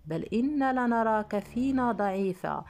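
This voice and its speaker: A woman's voice: on the high side, animated, normal speed, darkish tone. A woman voicing the mocking, arrogant men of an ancient people in a retold religious story, speaking in a scornful, taunting way.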